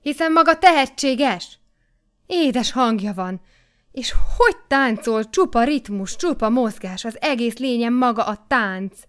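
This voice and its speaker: A woman reading an audiobook voices an excitable male editor who exclaims emphatically and gushes with praise. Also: a little high, lightly acted. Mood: ecstatic. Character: excitable middle-aged male editor, effusive. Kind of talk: audiobook character voice.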